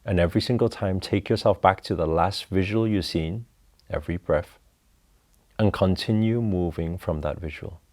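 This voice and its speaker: A man leading a guided breathing meditation, talking slowly and calmly through each step. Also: low-pitched. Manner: slow, calm, instructive.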